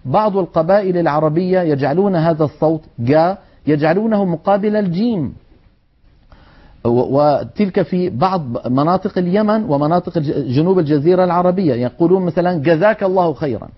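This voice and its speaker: A man's voice: high-pitched, fairly quick. A man teaching Quran recitation, demonstrating letter sounds in an earnest, admonishing manner. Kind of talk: tajweed lesson. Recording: dull lo-fi sound.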